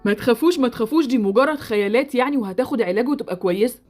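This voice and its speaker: A woman voicing a calm male doctor with an Egyptian accent, soothing a patient. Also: on the high side, racing. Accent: Egyptian Arabic.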